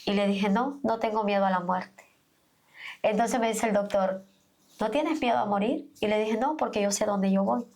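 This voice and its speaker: Speaking at a normal pace in a mid-range, somewhat dark voice, a middle-aged woman pastor relates her faith testimony as a podcast guest. She tells it earnestly, performing the dialogue as she goes.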